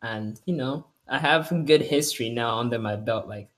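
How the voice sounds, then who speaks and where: A man's voice: medium pitch, normal speed, a bit bright. A young man co-hosting a podcast, talking in an upbeat, hopeful way. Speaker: podcast co-host. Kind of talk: casual chat.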